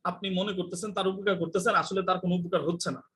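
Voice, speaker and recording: Fast-talking man teaching English. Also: high-pitched, little pitch movement, a bit bright. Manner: joking, scolding, mixes in English phrases. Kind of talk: live online class.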